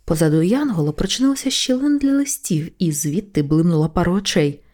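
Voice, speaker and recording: A woman narrating an audiobook in a lively, wry storytelling manner. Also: fairly low pitch, fairly quick. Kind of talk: scripted narration.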